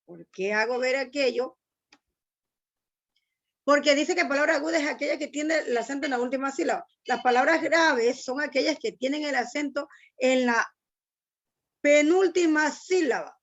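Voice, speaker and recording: A woman's voice: high-pitched, moderate pace, long pauses, highs cut off. A woman teacher giving an online language lesson, patiently explaining step by step and asking students to read aloud.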